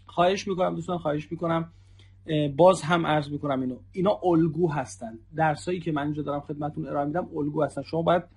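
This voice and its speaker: Gravelly, husky male language teacher. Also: a little high, a little mellow. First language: Persian. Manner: repeats phrases, addresses viewers as friends. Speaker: Arabic dialect teacher. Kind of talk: online language lesson.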